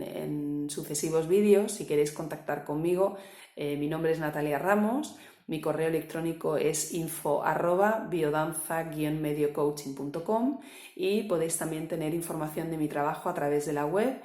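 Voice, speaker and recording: A woman coach, calmly explaining a topic with examples and often checking with the listener. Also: low-pitched, echoey room. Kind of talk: explanatory talk to camera.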